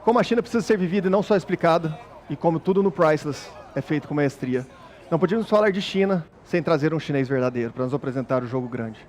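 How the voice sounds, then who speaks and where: A man's voice: fairly high pitch, lively intonation, fast talker, darkish tone. Man hosting a business talk. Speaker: host. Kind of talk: stage presentation.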